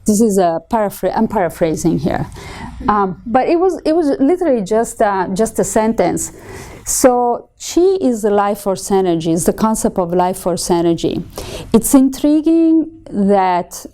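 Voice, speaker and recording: Italian woman lecturing, mellow low-key voice, lots of ums and restarts. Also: lively intonation, unhurried. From Italy. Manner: conversational teaching with frequent ums and self-corrections. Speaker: feng shui instructor. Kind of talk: live lecture to students.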